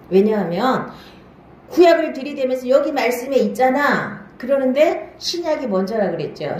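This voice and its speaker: A woman's voice: on the high side, warm tone, a little hiss or hum. Woman preaching in a very echoey hall. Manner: keeps asking the listeners questions and checking they follow; marks each new point with a short "now then". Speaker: pastor. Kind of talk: Bible-study sermon. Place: church hall.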